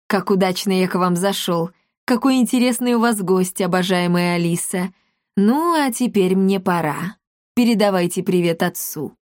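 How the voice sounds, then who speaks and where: A woman voicing a sly, pompous old man who speaks smoothly and politely. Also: mid-range voice, normal speed, a little mellow, no echo, studio quality, natural voice.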